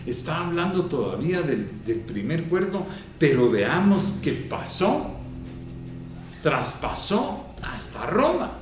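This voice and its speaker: Slow, animated preacher in echo. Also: male voice, on the high side, far from the mic. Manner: reads verses aloud, then comments on them slowly and emphatically. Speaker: pastor. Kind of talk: sermon, reading and explaining scripture. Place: church hall. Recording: very echoey hall.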